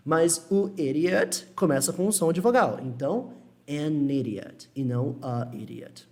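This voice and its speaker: A man's voice: a little high, a little mellow. Patient man teaching English. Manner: explains step by step, checks in with "tudo bem?"; models English words slowly and repeats them. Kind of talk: Portuguese-language English lesson.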